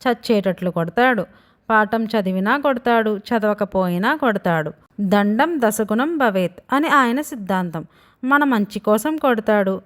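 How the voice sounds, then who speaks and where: A woman voicing a defiant young son in his father's body, who talks back in a mocking, slightly high voice.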